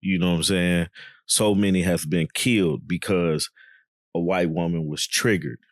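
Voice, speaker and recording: Deep-voiced man in casual podcast talk. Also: normal speed, no echo, clean studio sound. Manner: conversational, repeats "you know what I'm saying". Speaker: podcast co-host. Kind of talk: casual reality TV recap chat.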